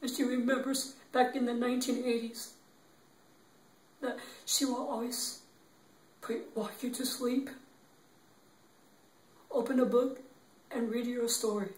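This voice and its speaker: An actor playing a young man who gently consoles his grieving girlfriend, speaking in a halting, tearful, repetitive way. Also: very high-pitched, flat delivery. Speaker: actor in an improv demo reel. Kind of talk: improvised dramatic monologue. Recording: roomy, distant from the mic.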